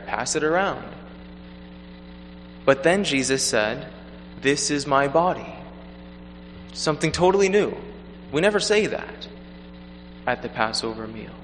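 A man speaking as a clergyman at Mass in a measured, deliberate way, his voice echoing through a large church. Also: medium pitch, fairly bright tone. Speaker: clergyman preparing for priesthood, preaching at Mass. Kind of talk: liturgical reading and reflective sermon. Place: large reverberant church interior. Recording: cathedral-like echo, long hall reverb, background noise.

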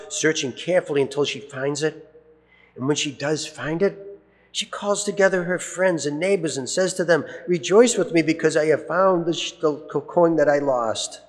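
A priest reads the Gospel aloud at Mass in a measured way, letting the ends of his phrases fall low and slow, his voice carried by a long cathedral echo. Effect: cathedral echo, long church reverb. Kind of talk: liturgical Gospel reading. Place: large church. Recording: long reverb of a large church.

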